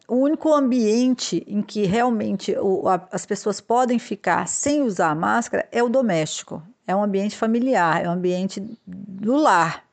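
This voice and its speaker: Measured woman explaining labor law. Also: mid-range voice, darkish tone. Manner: measured, with frequent hesitations and restarts. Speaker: podcast host, labor law advisor. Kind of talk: explanatory legal podcast talk.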